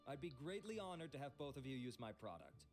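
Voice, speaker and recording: A man's voice: mid-range voice, very animated, fast, darkish tone, lightly acted. An actor playing a suave, courteous skincare maker in a video game, polished and salesman-like, with game music behind. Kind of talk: video game character dialogue. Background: game soundtrack.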